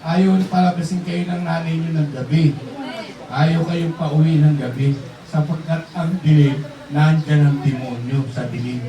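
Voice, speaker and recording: A man preaching a sermon, calling out to the congregation, joking, and shouting at the high points. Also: fairly even intonation, measured pace. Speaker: bishop preaching. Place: large hall with a congregation. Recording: echoey hall from far off, crowd.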